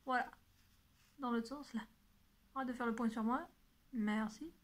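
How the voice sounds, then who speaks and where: A woman's voice: fairly high pitch, a little slow. A woman hosting a knitting video podcast, chatting casually and often correcting herself while showing her work. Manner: shows knitting and yarn as she talks. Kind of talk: casual chat to camera.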